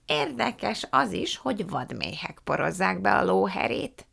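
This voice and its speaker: A woman voicing an absent-minded elderly great-aunt who muses slowly. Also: medium pitch, very animated, gravelly, fairly bright tone, voice pushed up, exaggerated voice. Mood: musing. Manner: slow, musing, off-topic remarks.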